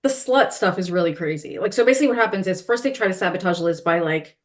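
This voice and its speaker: A woman co-hosting a casual book-discussion podcast, talking animatedly and quoting characters in quick asides. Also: on the low side, expressive. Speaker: podcast co-host.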